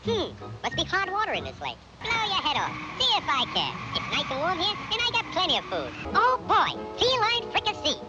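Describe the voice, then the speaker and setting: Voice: very high-pitched, wildly swooping pitch, brisk, few pauses, lo-fi sound, over loud music, exaggerated voice. An actor voicing a brash, manic, wisecracking cartoon woodpecker with cocky, zany heckling on an old cartoon soundtrack. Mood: excited, greedy.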